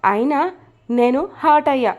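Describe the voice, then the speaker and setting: A woman's voice: high-pitched, normal speed, darkish tone, close to an everyday voice. A woman voicing a touchy young wife who pouts and whines in a storybook. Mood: sulky. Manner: sulky, whiny.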